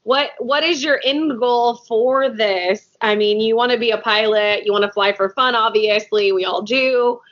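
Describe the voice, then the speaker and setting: Woman, podcast host, animated storyteller, slightly high voice, lo-fi audio. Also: normal speed, hardly any pauses. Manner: animated storyteller who acts out quotes. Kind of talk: casual podcast chat. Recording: dull lo-fi audio.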